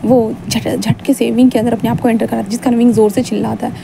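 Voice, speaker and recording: A woman's voice: on the high side, flat delivery, fast talker, creaky, background noise. A woman casually narrating a fan fiction story in a chatty, informal way. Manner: chatty, informal, many restarts and fillers.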